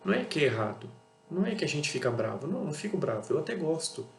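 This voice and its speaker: A blunt Brazilian man talks casually, circling back on his points again and again. His voice sits at an ordinary pitch. The room is echoey, and a faint electrical hum runs underneath. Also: sing-song, fast talker. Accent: Brazilian Portuguese. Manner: blunt, repetitive, acts out dialogues with customers. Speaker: auto parts seller and channel host. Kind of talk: casual monologue to camera.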